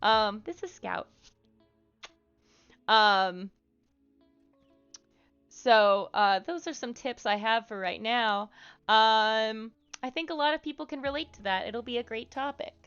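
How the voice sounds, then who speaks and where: A woman's voice: on the high side, takes it slowly, long pauses, fairly bright tone, clean tone, soft background music. A young woman live streaming, chatting casually with her viewers and giving advice in a rambling way full of fillers. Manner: rambling, many fillers and "like"s, candid. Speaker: live streamer answering chat. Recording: dull lo-fi stream audio.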